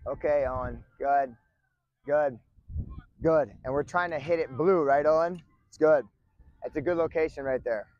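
A man coaching football at an outdoor practice, commanding and encouraging, often shouting, recorded on a wireless body mic. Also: a little high, moderate pace, long pauses, muffled recording.

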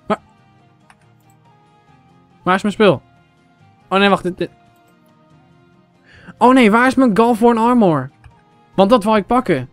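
A young man from the Netherlands doing Minecraft let's play commentary, excitable, exclaiming in English and chatting to his viewers. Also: high voice, no room sound. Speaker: gaming channel host. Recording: faint game music behind.

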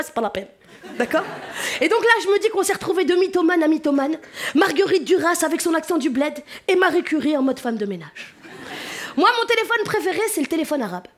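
A woman from the Paris suburbs with a suburban Paris accent, doing a stand-up comedy set on stage and talking directly to the audience in an animated, chatty way. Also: sits high. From France.

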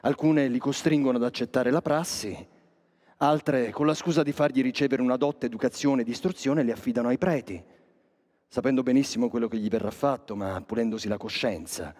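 An actor playing a sly, cynical chapel master, speaking a theatrical monologue straight to the audience in a sardonic, declamatory manner. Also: male voice, medium pitch, fairly quick, darkish tone, natural voice. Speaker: stage actor. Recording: long reverb of a stage hall.

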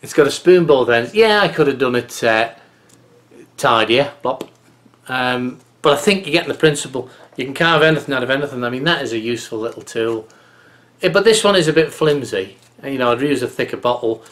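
Carving as he talks, a man in his fifties gives a relaxed bushcraft tip to his channel from a desk webcam in his home office, mumbling and chatting in a homespun way. His mid-range voice is a bit bright, brisk, and lively in intonation.

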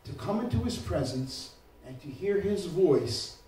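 A man preaching a sermon as pastor, moving between quiet talk and shouted preaching. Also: high voice, sing-song, a little slow. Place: church. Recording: echoey church room, mic far off.

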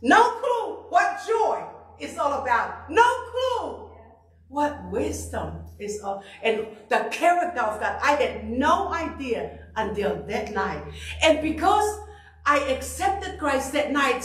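A middle-aged woman from Tonga preaching a sermon into a handheld mic in a church sanctuary, animated and emphatic, often repeating herself. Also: sits high, slow. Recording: echoey hall, far from the camera.

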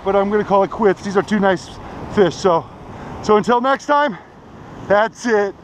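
A man's voice: high voice, normal speed, low-quality recording. Upbeat man on a windy surf beach. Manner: relaxed, upbeat, talking to viewers while casting. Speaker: fishing vlogger. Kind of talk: casual first-person narration while fishing. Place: outdoors on an ocean beach in the surf. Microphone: body-worn action camera. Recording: wind and surf noise on a camera mic. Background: crashing waves and wind.

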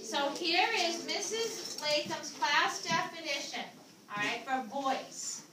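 High-voiced woman teaching a noisy class. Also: expressive, slow. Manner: patient, prompts students to repeat after her. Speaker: visiting teacher. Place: school classroom. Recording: echoey classroom from far off, noisy.

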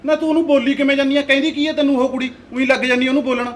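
A man's voice: very high voice, fairly even intonation. An actor playing a protective brother who insists on buying gifts for his sister and argues with his wife. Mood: insistent. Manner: insistent and quick to anger. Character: hot-tempered loving brother, a village husband.

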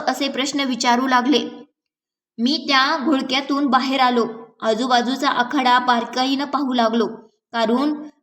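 Woman narrator, high voice, measured gentle storytelling, audiobook reading. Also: far from the mic. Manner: measured, gentle storytelling with small slips and restarts. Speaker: audiobook reader. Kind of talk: reading a novel aloud.

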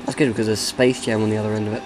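A man's voice: lowish voice, level tone, very fast. A man giving casual let's-play commentary as he plays, rambling and joking and breaking into bits of song. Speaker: game commentator. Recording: noisy home recording.

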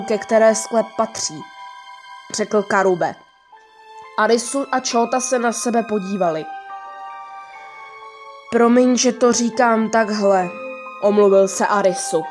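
Woman narrating a horror story, higher voice. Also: a little mellow.

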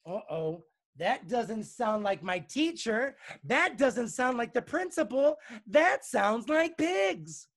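A man reading a storybook and voicing a bold, loud young farm girl with a shouty, exaggerated, sing-song delivery. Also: very high-pitched, big pitch swings, slow, creaky, voice pushed up, exaggerated voice. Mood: wary.

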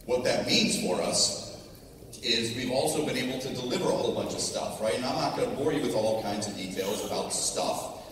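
Captured from the audience, a slightly hoarse middle-aged American man, a technology executive and conference speaker, gives a casual keynote in a big conference ballroom. His mid-range voice is brisk and a bit bright. He restarts for emphasis and tags points with "right?", and the distant PA recording sounds echoey and noisy.

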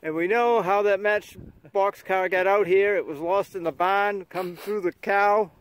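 A man's voice: high voice, fairly even intonation, unhurried. A middle-aged man, a metal detecting vlogger, chatting and joking outdoors in a farm field. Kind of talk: casual outdoor commentary and storytelling.

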